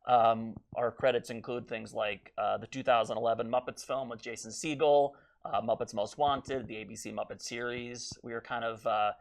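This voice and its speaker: A man's voice: medium pitch, steady tone, normal speed, creaky, few pauses. An American man giving casual, jokey interview answers as a puppet builder and puppeteer.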